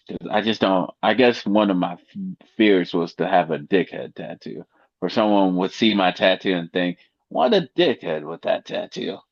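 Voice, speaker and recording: A man's voice: low voice, fairly even intonation, moderate pace, dry recording, dull audio. A man co-hosting a casual podcast chat, rambling and joking, laughing at his own jokes. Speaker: co-host.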